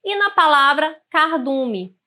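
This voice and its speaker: Bright high-voiced woman teacher. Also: lively intonation. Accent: Brazilian Portuguese. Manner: clear, didactic, spells out syllables slowly. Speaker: Portuguese teacher. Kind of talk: online grammar lesson.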